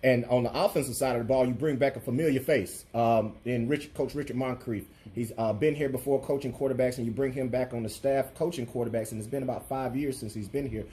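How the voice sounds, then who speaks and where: A man's voice: mid-range voice, fairly even intonation, fast, hardly any pauses, warm tone. A man interviewing a coach in an informal, conversational way, with wordy lead-ins to his questions. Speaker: sports interviewer.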